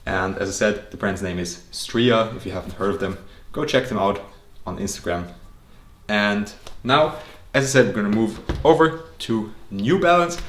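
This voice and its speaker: A man with a fairly low voice presents casually to his viewers at home. The room echoes noticeably and there is faint noise. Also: normal speed. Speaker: sneaker collection vlogger. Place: indoors in his flat. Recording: roomy echo, faint noise.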